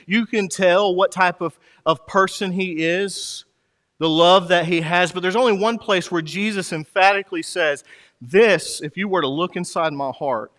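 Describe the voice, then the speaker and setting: Man preaching slow in a big echoey church, high-ish voice, swells up and drops soft. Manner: impassioned preaching, rising and falling. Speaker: pastor. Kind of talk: sermon. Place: church sanctuary. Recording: reverberant hall.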